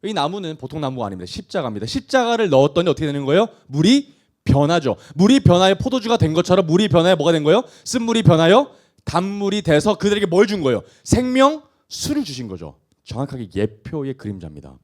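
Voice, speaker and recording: A man's voice: on the high side, very animated, fast talker, a little mellow. A male pastor preaching a sermon. He keeps asking the congregation questions and acts out the voices of the people in the story.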